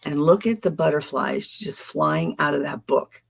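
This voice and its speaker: A woman with a deep, slightly rough voice and vocal fry speaks at a normal pace in a Philadelphia accent. On a livestream, she gives chatty, affectionate tarot card readings, full of ums and restarts.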